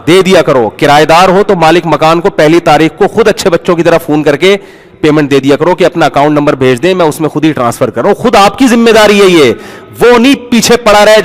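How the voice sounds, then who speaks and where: Man, lively storytelling sermon, somewhat high voice, long reverb from a large hall. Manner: animated storyteller, acts out the people in his stories. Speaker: Islamic preacher.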